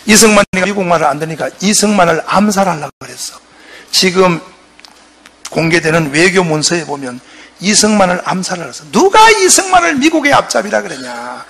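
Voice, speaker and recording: Brief: impassioned man, a pastor, with a bright, gravelly, forceful voice and a combative lecture style. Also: sits high, sing-song, brisk. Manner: fiery, shouting, rhetorical questions to the crowd. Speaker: pastor giving a patriotic lecture.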